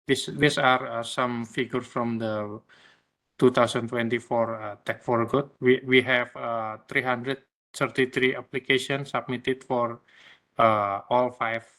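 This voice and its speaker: A man's voice: medium pitch, pushed and bright. A man from Indonesia, not an English speaker, giving a presentation in a hesitant way, with many fillers and restarts. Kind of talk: online session presentation.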